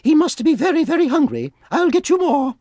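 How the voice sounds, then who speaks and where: Sweet motherly bear put on by the narrator, much higher than the narration, sing-song, music behind. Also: huge pitch swings, a little fast, mellow, no room sound, clean studio sound. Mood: soothing. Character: gentle soothing mother bear. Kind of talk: storybook radio play. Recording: music playing underneath.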